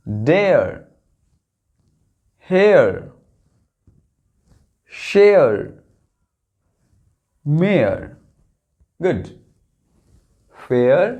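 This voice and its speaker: A man teaching English pronunciation in Hindi, slowly repeating each word for learners to echo back. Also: fairly high pitch, darkish tone. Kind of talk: pronunciation drill lesson.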